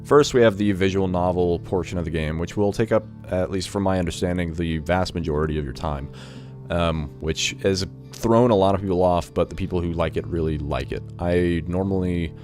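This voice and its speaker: Very deep-voiced man reviewing games casually. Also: brisk, a little mellow. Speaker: video game review host. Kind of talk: casual first-impressions game commentary. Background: music.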